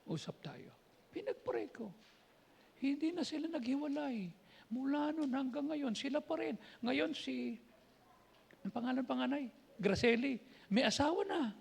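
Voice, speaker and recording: High, gravelly Filipino preacher. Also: male voice, lively intonation, measured pace, long pauses. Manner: conversational storytelling, switching between languages and acting out voices. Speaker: pastor. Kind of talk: sermon. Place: church.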